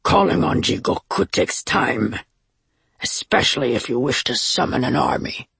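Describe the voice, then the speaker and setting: A towering, impatient oni demon, as a woman narrator puts him on, speaks in a deep, rumbling growl. His voice is gravelly and raspy, and it swoops widely in pitch. The sound is dry and close. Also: lively intonation, normal speed, fairly bright tone, no echo, heavily acted. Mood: menacing. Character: huge menacing male oni demon, impatient. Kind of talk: audiobook character voice.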